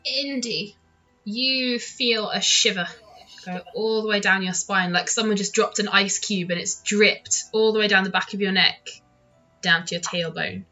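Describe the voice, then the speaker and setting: A woman's voice: medium pitch, measured pace, bright, forceful tone, dull audio, soft background music. A woman acting as game master, narrating a tabletop role-playing game in a casual, playful, informal way.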